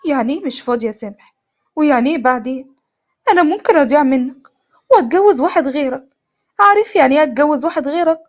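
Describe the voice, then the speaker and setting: امرأة تؤدي صوت فتاة شابة عنيدة ترفض عريسها، بلهجة مصرية وصوت أعلى. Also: female voice, sits high, animated, very fast, long pauses. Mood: pleading. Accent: Egyptian. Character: young woman, stubborn bride refusing her cousin.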